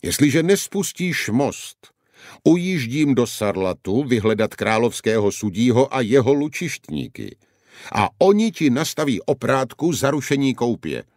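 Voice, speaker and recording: A man doing a sardonic gentleman companion. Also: mid-range voice, big pitch swings, no room sound, voice pushed up, close to an everyday voice. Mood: threatening. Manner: dry asides, muttered. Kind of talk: audiobook character voice.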